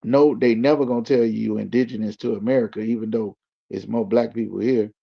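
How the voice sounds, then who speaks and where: A man's voice: medium pitch, fairly even intonation, fast talker, vocal fry. A man speaking as a guest in loose slang, building his points like a preacher. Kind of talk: casual explaining. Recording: dull lo-fi recording.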